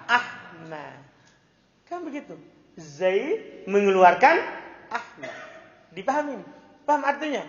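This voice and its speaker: A man's voice: high voice, fairly bright tone. A man teaching Arabic grammar in a classroom, constantly quizzing his students with repeated questions. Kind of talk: classroom lesson. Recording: echoey hall, dull lo-fi sound.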